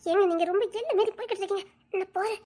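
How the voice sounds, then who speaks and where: A timid young woman, voiced by a woman, in an amateur drama. Her voice is very high and thin. She whimpers, pleads and laughs nervously. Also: very fast, dark tone. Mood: frightened, pleading. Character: timid young woman, scared of being caught.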